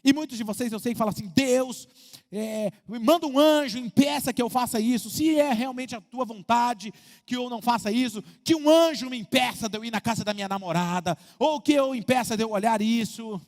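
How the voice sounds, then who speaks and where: High-voiced pastor preaching in a hall. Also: male voice, brisk. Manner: animated preaching, acting out congregants' voices, swinging from loud to hushed. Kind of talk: sermon. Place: church auditorium.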